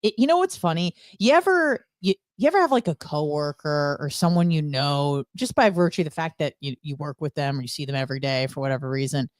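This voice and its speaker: A woman co-hosting a radio show chats casually, telling candid, gossipy stories full of rambling asides. Her low voice comes quickly with hardly any pauses, captured in clean studio sound with no room echo.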